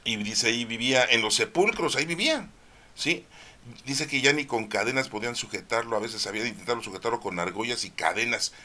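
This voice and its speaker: A man explaining a Bible reading in a chatty, conversational way. He keeps checking in with his listeners and pauses on "este" while he looks for words. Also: mid-range voice, lively intonation, sharp tone. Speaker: preacher.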